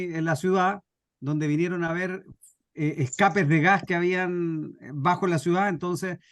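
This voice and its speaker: The recording is dry with clean studio sound, capturing a fairly high-pitched middle-aged Chilean man. A radio drama scriptwriter and workshop speaker, he introduces himself to a group and tells informal anecdotes, his phrasing somewhat hesitant.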